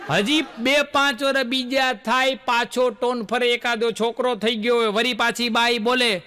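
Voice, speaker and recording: High-voiced man telling jokes. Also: fairly even intonation, a little slow, sharp tone. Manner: folksy storyteller, acts out characters' lines. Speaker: stand-up comedian. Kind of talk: stand-up joke telling.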